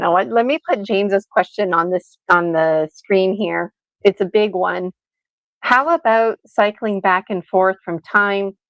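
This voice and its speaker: A woman's voice: lowish voice, dry recording. A woman hosts a podcast over a video call and chats loosely, rambling and laughing at herself. Her audio is a little muffled and lo-fi, with a dry, close sound. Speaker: podcast host. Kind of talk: casual chat on a live video podcast.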